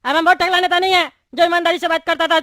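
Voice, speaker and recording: Bald bully politician, fast and sharp. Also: female voice, very high-pitched, steady tone, no echo. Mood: menacing. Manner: threatening, bossy. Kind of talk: cartoon voice acting.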